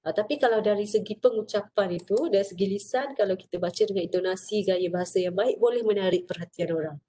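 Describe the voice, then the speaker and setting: A woman's voice: mid-range voice, fast, warm tone, slight background noise. A woman with a Malaysian Malay accent giving a recorded lecture, explaining step by step with many fillers.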